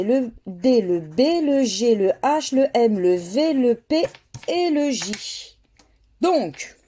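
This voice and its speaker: A woman narrates her ticket scratching in a slow, unhurried, methodical way. Her voice sits a little high but sounds warm and relaxed, never sharp. She spells out letters and words one at a time. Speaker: YouTuber scratching lottery tickets. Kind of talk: casual running commentary.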